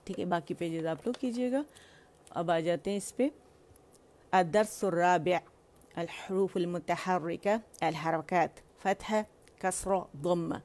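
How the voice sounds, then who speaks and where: A woman's voice: on the low side, darkish tone. A woman teaching Quran recitation. She patiently explains and demonstrates each sound, drilling syllables one by one. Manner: slow, patient, demonstrates sounds and has listeners repeat. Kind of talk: tajweed lesson with drilled syllables.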